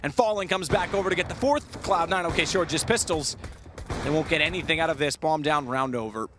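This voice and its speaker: A man's voice: fairly high pitch, a little fast. A man giving play-by-play commentary as an esports caster, with game noise behind his voice.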